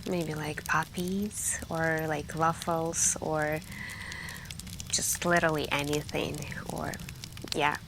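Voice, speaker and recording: Telling campfire stories very slowly, this woman uses a low, level, gravelly voice in a soft-spoken ASMR roleplay where she plays a girlfriend on a camping trip. She stays hushed and intimate, drawing words out, pausing often and sometimes whispering, while the fire crackles against the night ambience.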